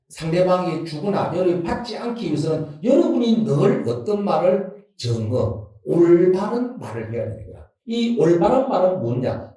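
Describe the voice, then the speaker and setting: A man with a Gyeongsang accent giving a folksy, lively Buddhist sermon, asking the audience questions and acting out everyday quarrels. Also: sits high. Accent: Gyeongsang Korean. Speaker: Buddhist monk giving a dharma talk. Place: temple dharma hall. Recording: distant mic in a roomy temple hall.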